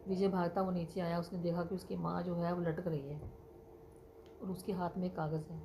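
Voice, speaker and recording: Low-voiced woman telling a story. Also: flat delivery, warm tone. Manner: halting, with many restarts. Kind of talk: casual spoken storytelling. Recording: noisy background.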